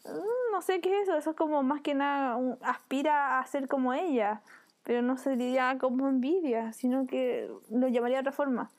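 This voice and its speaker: A young woman with a Chilean accent, speaking in a fairly high voice. She talks in a casual chat, opinionated and firm, now and then acting out other people's voices. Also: brisk. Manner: opinionated, acts out quoted voices.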